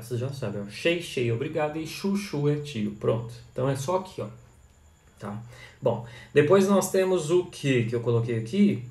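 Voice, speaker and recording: A Brazilian man with a Brazilian Portuguese accent, a language teacher answering viewers' questions in a live session and sounding out foreign phrases. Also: roomy sound. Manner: animated, pitch leaps up and down, demonstrates foreign phrases.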